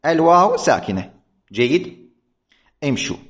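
A man teaching an Arabic grammar lesson, speaking slowly and deliberately and repeating key points. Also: a little high, big pitch swings. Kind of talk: classroom lesson on verb forms.

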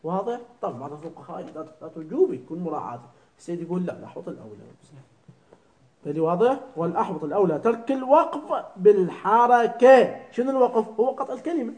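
Male cleric-teacher, high voice, questions students constantly through a jurisprudence class. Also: very animated, very fast, mellow, poor audio. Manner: keeps asking students "clear?" and quizzing them. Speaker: religious teacher. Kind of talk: seminary jurisprudence lesson.

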